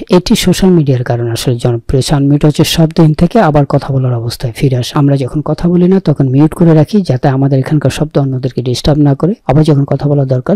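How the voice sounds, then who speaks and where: A man's voice: fairly high pitch, dark tone, dry recording. A man teaching English vocabulary, going word by word and asking and answering his own questions. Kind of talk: vocabulary lesson in Bengali.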